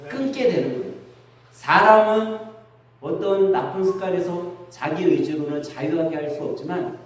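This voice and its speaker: A middle-aged man preaching a sermon as pastor, telling stories in a chatty, lively way. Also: sits high, normal speed. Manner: conversational storytelling, lively with laughs. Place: church sanctuary. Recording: very echoey church hall, distant mic.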